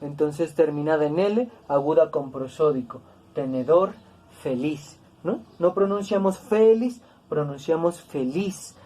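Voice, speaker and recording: A woman teaching a grammar lesson, speaking slowly and deliberately, repeating words to stress each syllable. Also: deep voice, warm tone. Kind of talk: classroom-style grammar lesson.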